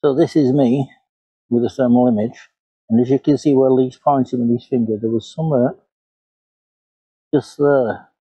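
A man with a medium-pitched, steady, mellow, husky voice talks at normal speed, pausing often, as he walks through woodland retracing his steps for a casual vlog. He's a paranormal investigator on a lapel mic, with no room sound and a rough recording.

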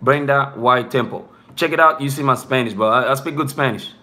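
Medium-pitched, fairly quick, pushed and bright, this young non-native English speaker is live streaming from a small room. His chat with viewers is loose and rambling, full of "bro" and "you know what I'm saying."

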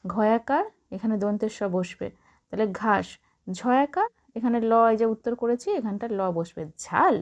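Woman spelling slowly for children. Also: a little high, expressive, darkish tone, lo-fi sound. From Bengal. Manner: slow, drawn-out letter-by-letter spelling with encouraging asides. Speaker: teacher.

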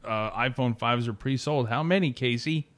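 A man hosting a podcast in casual tech chat, relaxed and joking, with hesitant fillers. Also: medium pitch, moderate pace. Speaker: podcast host.

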